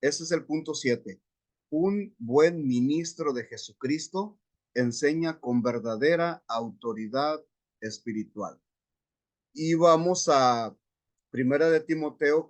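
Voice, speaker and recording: Slow, measured male Bible teacher. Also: a little high. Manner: unhurried, explains Greek words step by step. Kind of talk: Bible class lecture. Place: church classroom.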